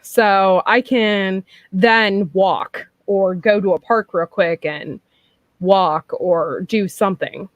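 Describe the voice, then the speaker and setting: A woman's voice: medium pitch, steady tone, takes it slowly, no echo, dull audio. Woman in her thirties, casual chat host, frank and rambling, dry close sound. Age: 30s. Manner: chatty and frank, with frequent laughs and fillers.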